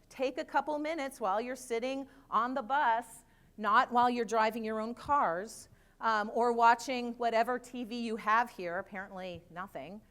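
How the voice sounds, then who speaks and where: Conference speaker, middle-aged woman, higher voice, lively presenter with quick jokes. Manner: lively, chatty, joking asides. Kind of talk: live presentation to an audience.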